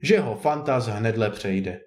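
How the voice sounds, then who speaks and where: A man's voice: on the low side, a little mellow, close to an everyday voice. A man voicing a worried peasant mother who chides her son, in a storybook reading. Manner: fretful, chiding.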